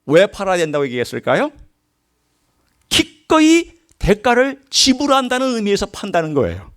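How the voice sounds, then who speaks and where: A middle-aged man preaching a sermon, telling a story and swinging from quiet low asides to high, emphatic calls. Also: wildly swooping pitch, normal speed. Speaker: pastor.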